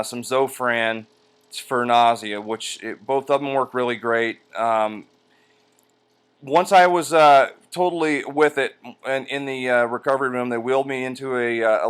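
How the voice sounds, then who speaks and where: A man talking casually in a personal vlog, halting with drawn-out hesitations, sore and medicated as he rests after surgery. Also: medium pitch, fairly bright tone, clear, resonant tone. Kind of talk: casual personal vlog, recounting his experience. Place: indoors at home on a couch by a window.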